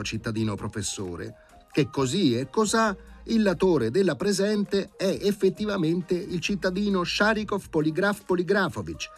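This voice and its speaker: A man's voice: fairly high pitch, voice pushed up. A man voicing a pedantic, sanctimonious male housing-committee official in an audiobook reading. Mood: smugly insistent. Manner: insistent, bureaucratic and sanctimonious.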